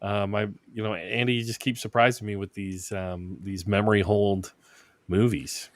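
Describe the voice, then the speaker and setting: A man's voice: on the low side, steady tone, moderate pace, no echo. A man hosting a podcast, chatting casually and joking around with a loose, profane manner. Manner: laid-back, joking, profane. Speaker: podcast host. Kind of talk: casual chat.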